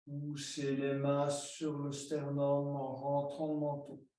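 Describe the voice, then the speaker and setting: A man leading a yoga class, giving slow, calm breathing and posture cues step by step. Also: on the high side. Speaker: yoga teacher. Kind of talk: guided yoga instruction. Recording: very echoey room, distant mic.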